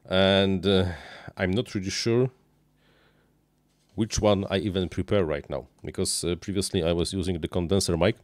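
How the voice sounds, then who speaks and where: A low-pitched, nasal man in his thirties keeps a fairly even intonation while he improvises live-stream chat about building a model plane. His speech halts with many uhs and restarts and shows non-native phrasing. He sits at a small home workshop desk indoors, using headphones and a close dynamic mic on a boom arm, recorded dry.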